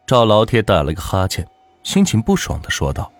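A man narrating a folk ghost story in a dramatic, measured way. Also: lowish voice, wildly swooping pitch, no echo.

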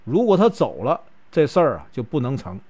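A man's voice: medium pitch, wildly swooping pitch, fairly quick, darkish tone, breathy edge. A man with a Northeastern Mandarin accent voicing a scheming, greedy old matchmaker woman in a told story. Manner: coaxing, plotting storyteller's quoting voice.

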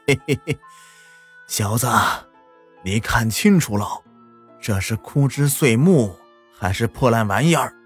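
A man voicing a stubborn, defiant lame old man in a spooky audio story, shouting back at his son. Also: mid-range voice, animated, unhurried, long pauses, slightly rough, faint music behind. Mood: sly. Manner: cackling, obstinate shouting.

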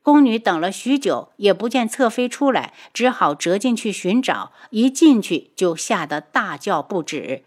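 A woman narrating an audiobook novel. Her pitch moves a lot, giving the reading an animated, expressive feel. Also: a little slow, few pauses.

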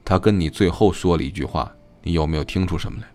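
A man voicing a sharp, probing young woman in an audiobook, questioning pointedly. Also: low-pitched, fast talker, close to an everyday voice.

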